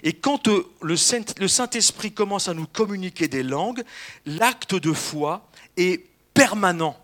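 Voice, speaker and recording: A man preaching a sermon as pastor, lively and animated, acting out quoted voices. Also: high-pitched, a little slow.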